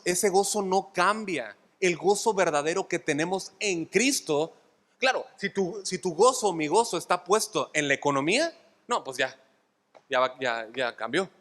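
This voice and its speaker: A man with a Mexican accent preaches an expository sermon in a church. He speaks in a fairly high voice, repeats his key points and keeps asking the congregation for agreement. His words trail off into the long reverb of the hall. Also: fairly bright tone. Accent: Mexican Spanish. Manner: asks the congregation "¿sí?" often, emphatic and repetitive. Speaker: pastor. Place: church sanctuary.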